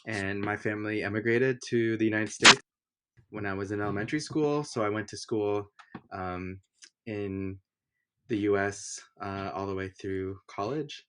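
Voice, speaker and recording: A man's voice: fairly low pitch, normal speed, slight background noise. A young man from Honduras, a music producer, talking casually in an interview with plenty of fillers and restarts. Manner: relaxed, rambling with many fillers. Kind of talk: conversational interview.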